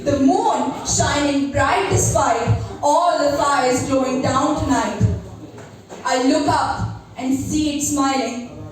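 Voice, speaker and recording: A teenage girl with a high voice performs spoken-word poetry in an earnest, dramatic way. Her phrasing is deliberate. She is heard from a distance in a heavily echoing room, with faint noise. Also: faint music behind. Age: teenager, seventeen. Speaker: amateur poet at a first open mic. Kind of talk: spoken-word poetry recital with personal introduction. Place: live open mic venue, recorded from a distance.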